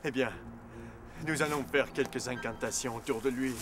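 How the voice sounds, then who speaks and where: An actor playing a solemn, theatrical druid of the Gauls in a comic stage play, with grandiose declamation. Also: male voice, mid-range voice, fairly even intonation, moderate pace, over music, lightly acted.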